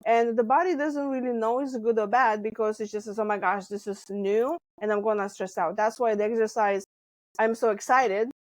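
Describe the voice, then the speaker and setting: This fairly high-pitched woman in her forties, a Lithuanian stress management coach with a Lithuanian accent, speaks at normal speed as she animatedly shares her story in a podcast interview, laughing and acting out quotes. The recording is dry.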